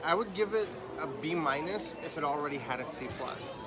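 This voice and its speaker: A slightly high-voiced man talks through a mouthful of cookie, chewing as he delivers a dry, deadpan review. He is standing in a busy store checkout line, with crowd chatter all around. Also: brisk. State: chewing while talking. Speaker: co-host of a food review vlog. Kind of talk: casual food review chat. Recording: busy crowd noise behind.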